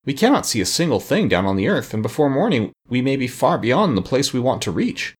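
A man voicing an earnest, sharp-witted young boy in a storybook reading. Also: medium pitch, sing-song, brisk, husky, pitched above the performer's own voice.

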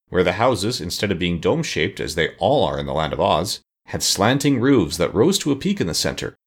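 A man reads a storybook aloud with a lowish, husky voice. His intonation moves freely, rising and falling a great deal. The pacing is measured and expressive. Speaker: narrator. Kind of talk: storybook narration.

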